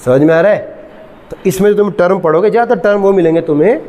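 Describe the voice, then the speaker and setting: A man's voice: high voice, warm tone. Middle-aged male physics teacher in a reverberant classroom. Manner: asks students frequent check questions, mixes English terms; slow dictation of English definitions. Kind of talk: classroom lecture.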